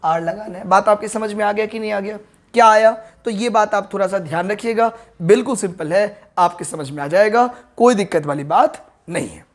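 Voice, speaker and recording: A man with a high-pitched voice runs an online grammar lesson at a board. Again and again he asks viewers if they got it, slowly repeating the important terms.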